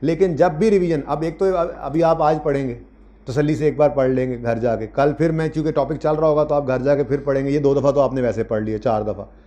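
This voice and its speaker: A man teaching accounting in a live classroom. He is stern with his students, repeats key points, and reads textbook lines slowly, word by word. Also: mid-range voice, warm tone.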